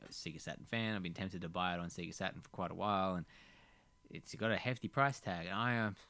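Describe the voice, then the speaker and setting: Lowish-voiced blunt man, close dry sound. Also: fast, sharp tone, dry recording. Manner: blunt, sweary, incredulous. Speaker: podcast co-host. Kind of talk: casual chat.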